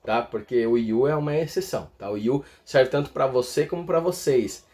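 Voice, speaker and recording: A man teaching an English lesson in a patient, explanatory way. He checks in with his listeners after almost every point and slows down to spell out each example. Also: medium pitch, a little mellow. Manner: patient, tags lines with "tá?" and "né?".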